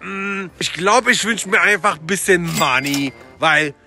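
Man with a high, very bright, gravelly voice, joking through game role-play. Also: a little slow, soft background music. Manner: casual, joking, addresses viewers. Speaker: guest player.

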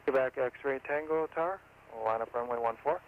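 A man's voice: medium pitch, moderate pace, narrow, tinny audio. A man giving clipped, procedural tower instructions to pilots over the radio. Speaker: airport tower controller. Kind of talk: air traffic control radio instructions. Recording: noisy, crackling air traffic radio.

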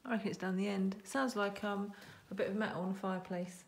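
A woman's voice: mid-range voice, fairly even intonation, fast. A woman exploring a derelict farmhouse, chatting casually on a handheld phone with jittery, nervous exclamations. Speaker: urban explorer. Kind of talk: casual chat while exploring. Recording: echoey empty house, clear noise.

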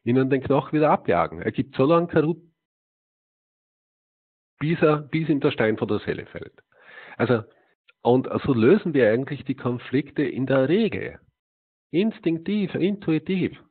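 A man's voice: medium pitch, slightly rough. A man giving a live talk to a seated audience, emphatic, asking rhetorical questions and answering them himself, with frequent hesitations. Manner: sprinkles in "ja" and hesitant "äh". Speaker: lecturer. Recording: tinny, phone-like narrow sound.

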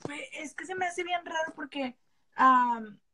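A woman's voice: sits high, measured pace, pushed and bright. A woman chatting casually as a guest, playful and teasing. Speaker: guest on book channel. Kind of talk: casual chat.

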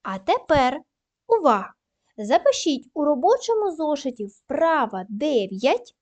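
A woman teaching a primary school class, dictating slowly and carefully and praising the pupils often. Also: high voice, sing-song, darkish tone. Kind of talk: recorded lesson for young pupils.

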